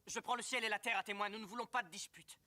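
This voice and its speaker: A man's voice: sits high, steady tone, fast talker, bright, forceful tone. An actor playing an ambitious, scheming young man hungry for wealth in a French martial arts film dub. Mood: fawning.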